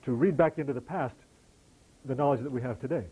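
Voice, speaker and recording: After a lecture, a middle-aged American man takes audience questions in a lecture hall, conversational and wry, often restarting his sentences. His medium-pitched voice is fast, mellow, and husky, and the audio quality is poor.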